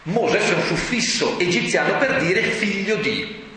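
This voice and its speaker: A man preaches a sermon, rhetorical and animated, raising his voice to shouts for emphasis. His voice sits high and swings widely in pitch. It rings through a reverberant hall, with faint ambience behind it. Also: measured pace, soft background music.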